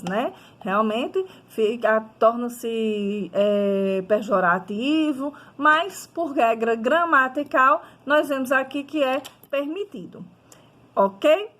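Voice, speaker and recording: A woman's voice: a little high, a bit bright. A woman with a Brazilian Portuguese accent teaching a grammar lesson, methodically posing questions and answering them herself while checking in with her students. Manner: checks in with listeners often. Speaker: Spanish teacher.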